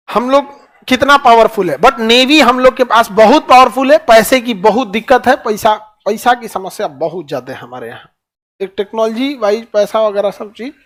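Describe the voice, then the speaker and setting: Male teacher, Bihari accent, very high pitch, chatty rhetorical lecturing style. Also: a bit bright. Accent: Bihari Hindi. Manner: rhetorical questions, colloquial. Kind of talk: classroom lecture.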